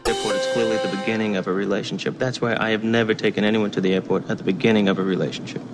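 An actor playing a fast-talking man in a film scene who lays out his opinionated theory about relationships. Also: fairly low pitch, fairly even intonation, close to an everyday voice. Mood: insistent. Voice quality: quick, insistent and opinionated. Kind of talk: film dialogue. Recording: film clip with music under the voice.

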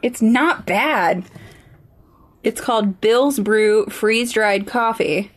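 Tasting food on a podcast she co-hosts, a woman with a slightly high voice chats in a relaxed way at a slow pace. Her reactions mid-chew are blunt and grumbly.

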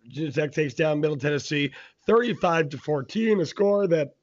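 A man hosting a sports podcast in a warm, welcoming manner. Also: on the high side, moderate pace. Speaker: podcast host. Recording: dull, lo-fi podcast audio.

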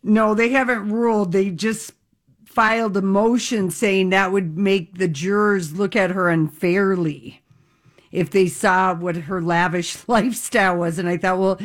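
A woman's voice: mid-range voice, steady tone, unhurried. A woman co-hosting a radio talk show in casual, opinionated conversation.

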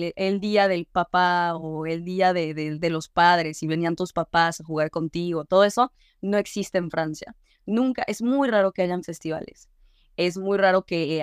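Woman guest, lowish smooth voice, dry sound, lots of "eh" and "como que". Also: no echo. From Mexico. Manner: relaxed, with many fillers like "eh" and "como que". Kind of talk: casual interview conversation.

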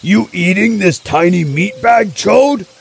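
Dim, gravelly super mutant brute. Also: male voice, sits high, animated, takes it slowly, full character voice. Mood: dim friendly. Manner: broken caveman speech, talks of himself by name. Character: hulking male super mutant, dim and friendly.

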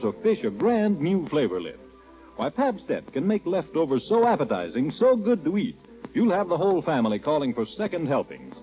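A man giving a chipper, upbeat and emphatic sales pitch as an announcer in an old-time radio ad. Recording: dull vintage radio recording.

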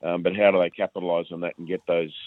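Aussie football analyst on a tinny phone line, deep voice, halting, lots of ums. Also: male voice, flat delivery, no room sound. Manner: hesitant, lots of uh and um, repeats words. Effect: over the phone. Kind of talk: casual radio phone-in chat.

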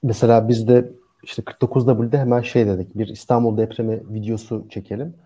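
A man with an extremely mellow, muted timbre talks at a brisk clip. He sounds like an earnest guest in a casual discussion. He explains by stacking one point on another. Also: lowish voice, flat delivery, breathy edge.

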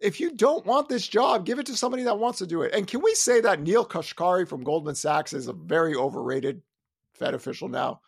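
A man, a lead analyst, talking in a casual podcast chat, animated and exasperated, with loud ranting outbursts. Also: a little high, quick pace, creaky, breathy edge, no room sound.

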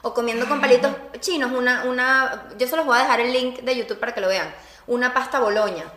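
A woman's voice: a little high, fast, bright, forceful tone. Venezuelan woman in an echoey room. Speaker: podcast co-host. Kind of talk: casual chat.

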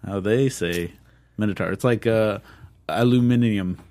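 A man co-hosting a casual TV review podcast, chatty with quick reactions and asides. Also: lowish voice, expressive, darkish tone, no room sound, clean studio sound. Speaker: podcast co-host.

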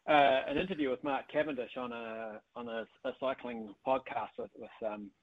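A man's voice: medium pitch, fairly even intonation, normal speed, phone-quality sound. A man giving enthusiastic, conversational analysis as a cycling commentator. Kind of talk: casual interview analysis.

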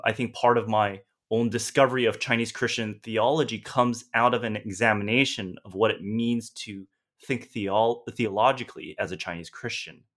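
A man from Southern California, a theologian answering interview questions in a measured way with frequent fillers. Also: fairly low pitch, fairly bright tone. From Southern California, USA. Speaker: guest author, theologian. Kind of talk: podcast interview.

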